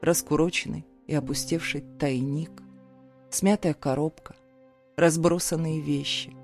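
A woman's voice: low voice, steady tone, unhurried, a little mellow, faint music behind. A woman reading a first-person story as an audiobook narrator, in a dramatic, emotional storytelling manner.

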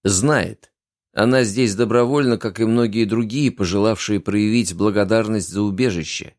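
A man playing a weary grown man who answers slowly and sullenly. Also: lowish voice, a little mellow, no echo, clean studio sound, close to an everyday voice. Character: weary grown man, town protector, calm lover.

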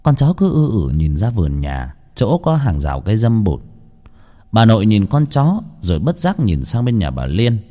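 A man narrating a village ghost story in a hushed, suspenseful storytelling manner. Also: lowish voice, huge pitch swings, moderate pace.

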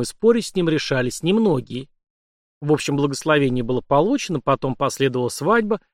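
A man reading an audiobook with ironic, lively storytelling. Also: a little high, dry recording, studio quality. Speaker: audiobook narrator. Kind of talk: scripted narration.

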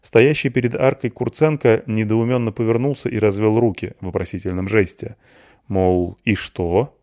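Low-voiced male audiobook narrator. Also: fairly even intonation, moderate pace, darkish tone.

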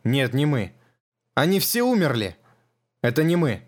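A composed male scientist, voiced by a man speaks in a steady, businesslike way. His pitch is mid-range and his tone stays firm and even. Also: unhurried. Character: calm, firm male scientist in a hazmat suit.

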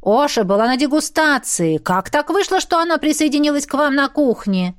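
A woman's voice: high-pitched, expressive, normal speed, pitched above the performer's own voice. A woman voicing a stern, suspicious older man who questions people in an accusing, official tone.

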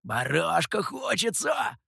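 A man's voice: medium pitch, big pitch swings, moderate pace, sharp tone, dry recording. A man voicing a brash, playful male monkey demon who boasts and teases, read in a very dry, close sound. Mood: pleading. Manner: boastful and teasing.

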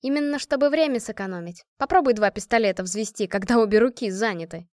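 A woman's voice: a little high, fast, a little mellow, no echo, clean studio sound, lightly acted. A woman voicing a confident young team commander who gives orders decisively and likes to show off a little. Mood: matter-of-fact. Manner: decisive, a bit boastful.

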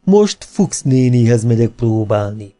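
A coquettish young actress from a storybook, lingering over every word in a mellow, darkish voice, as a man reads her part. She is playful and teasing, and she draws out her phrases slowly. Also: mid-range voice, big pitch swings, faint music behind, natural voice.

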